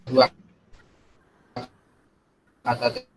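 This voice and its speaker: Seorang dosen pria mengajar kelas daring, suaranya terputus-putus karena koneksi buruk dan bicaranya lambat tersendat. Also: male voice, drawn-out words, fairly bright tone. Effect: choppy audio cutting out over a bad connection. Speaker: lecturer. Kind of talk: online class lecture. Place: campus room on weak wifi. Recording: broken-up online call audio, faint noise.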